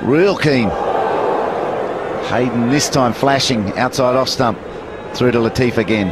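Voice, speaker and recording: A man commentating live cricket on TV, calmly explaining what the bowler is trying to do. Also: medium pitch, a little slow, over loud music. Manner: analytical, explains the bowling. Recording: broadcast with clear noise.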